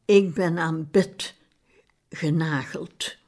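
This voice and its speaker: A woman's voice: deep voice, fairly even intonation, very slow, a little mellow, voice pushed down, full character voice. A woman voicing a feverish, dying male priest who speaks faintly and short of breath. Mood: weak, faint.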